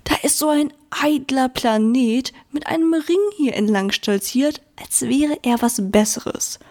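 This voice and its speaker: A bored, gossipy lump of rock in a children's story, chatty and eager to talk, voiced by a woman. The voice is pitched a little high and lively. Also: unhurried.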